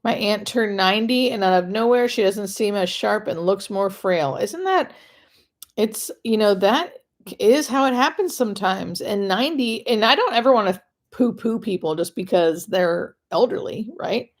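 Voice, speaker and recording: A woman's voice: medium pitch, animated, normal speed. An American woman working as a hospice nurse answers questions on a casual live stream, explaining things conversationally with stop-and-start phrasing and emphatic repetition.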